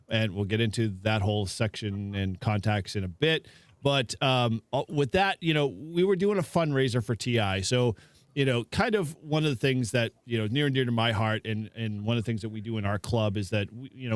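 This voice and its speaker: A man hosting a relaxed chat about a radio weekend, rambling with lots of fillers and restarts. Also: mid-range voice, smooth, no room sound. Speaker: host. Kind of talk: casual chat.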